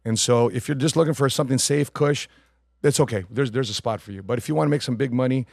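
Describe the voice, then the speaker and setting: A man in his forties, a podcast guest in a studio, speaking into a boom mic. He talks quickly with a gravelly edge, and the sound is dry and close. He gives advice confidently and with emphasis. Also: no echo. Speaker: podcast guest, financial advisor. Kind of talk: casual podcast chat. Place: studio set. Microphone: studio mic on boom arm.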